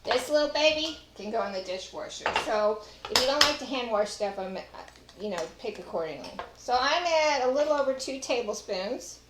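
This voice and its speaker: A middle-aged Texan cooking show host, she talks to viewers while working on a recipe in her home kitchen. Her voice is a little high with lively intonation at a normal speed. The far-camera recording has a noisy background, echo and clattering dishes.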